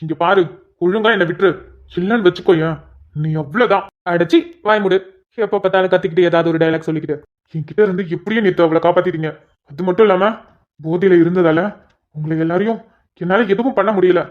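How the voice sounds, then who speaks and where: A woman's voice: lowish voice, quick pace, voice pushed down, natural voice. A woman voicing a young, spoiled, rich male villain who makes sneering threats. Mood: threatening. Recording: dull lo-fi audio.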